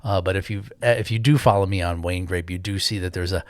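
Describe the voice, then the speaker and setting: A man hosting a podcast, talking in a relaxed, chatty way with plenty of fillers. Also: low-pitched, quick pace, dry recording. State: morning voice. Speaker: podcast host. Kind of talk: casual podcast intro and interview.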